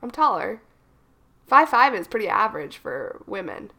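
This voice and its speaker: Her mid-range voice is sing-song, creaky, bright and forceful, moving at normal speed. She's a young adult podcast co-host, slightly froggy with a cold, chatting casually and spinning rambling stories.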